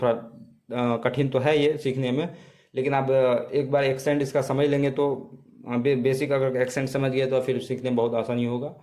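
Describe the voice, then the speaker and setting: Casting: male tutor, mid-pitched voice, patient, repetitive, full of fillers. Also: a little mellow. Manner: repeats words slowly, with fillers. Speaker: language teacher. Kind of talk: casual spoken lesson.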